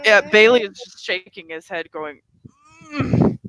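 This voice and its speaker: A player describing a character's actions in a tabletop game, wry and unhurried. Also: medium pitch, bright, forceful tone, smooth, dry recording, poor audio.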